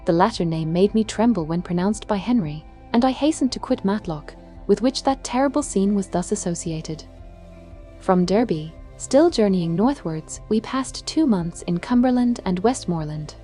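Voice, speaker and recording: A woman narrates a dark gothic tale in a very mellow, warm-shaded voice. Her reading is solemn, measured and literary, set at a middle pitch. Faint music runs behind her. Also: expressive. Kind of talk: dark scripted audiobook narration of a gothic novel. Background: background music.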